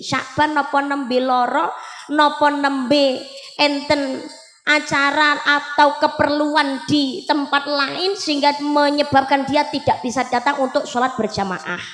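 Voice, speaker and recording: A humble, grieving young wife, as a woman preacher puts her on speaks with a Javanese accent in a soft, deferential way. Her voice sits very high and rings through a large echoey hall. Faint music plays behind her.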